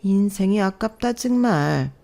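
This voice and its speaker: A woman's voice: medium pitch, expressive, measured pace, creaky, warm tone. A woman doing snide mocking sisters-in-law. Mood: sneering. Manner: mocking and sarcastic. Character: sneering older sisters-in-law, condescending and mocking.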